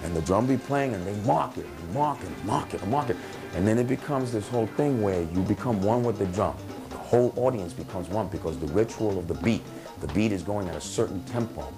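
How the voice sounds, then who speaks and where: Gravelly, low-voiced storyteller man. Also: fairly quick, music in the background. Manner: animated, casual storyteller. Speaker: interviewee. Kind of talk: documentary interview, storytelling.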